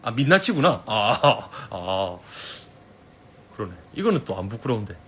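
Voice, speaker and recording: A man's voice: fairly low pitch, very animated, normal speed, fairly bright tone, a little hiss or hum. A man with a Gyeongsang Korean accent chatting casually on a live stream from his phone, reading viewers' comments, playful and teasing and laughing often.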